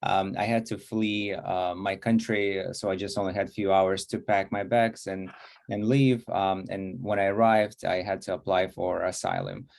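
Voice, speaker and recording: A man's voice: low-pitched, normal speed, vocal fry, a little mellow. A young man from Moldova, introducing himself on a panel with frequent hesitations. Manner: hesitant, many fillers.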